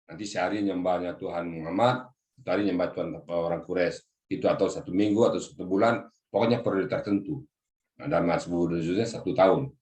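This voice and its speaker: Deep-voiced man teaching Quran grammar. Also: a little mellow, reverberant. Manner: explains word by word, addresses listeners as Pak. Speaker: religious teacher. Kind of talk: Quran exegesis lesson to a group. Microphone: video call.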